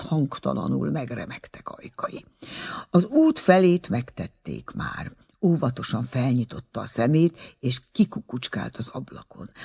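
A man's voice: mid-range voice, creaky, darkish tone, slightly rough. A man narrating a novel as an audiobook, telling the story expressively.

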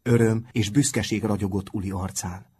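A man reading a novel aloud in a calm, measured audiobook narration. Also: on the low side, a little hiss or hum.

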